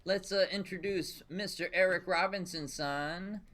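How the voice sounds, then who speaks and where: A man's voice: sits high, unhurried, pushed and bright. A man hosting a casual live-streamed game show, upbeat and welcoming, often laughing with guests.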